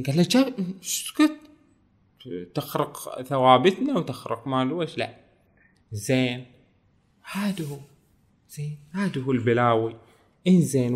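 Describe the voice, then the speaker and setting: A man with a Bahraini Arabic accent reading passages aloud and explaining them in casual dialect, with frequent fillers. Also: mid-range voice. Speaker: book reviewer. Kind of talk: casual book talk.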